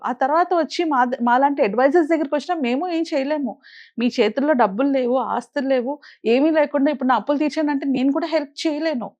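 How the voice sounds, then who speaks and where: A woman financial advisor earnestly explaining investing mistakes and putting pointed questions to the viewer. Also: high voice.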